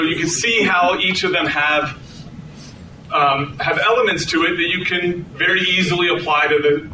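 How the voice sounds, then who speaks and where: In an echoey hall before an audience, a middle-aged researcher gives a conversational lecture full of restarts. A distant microphone captures him along with a rumbling background noise.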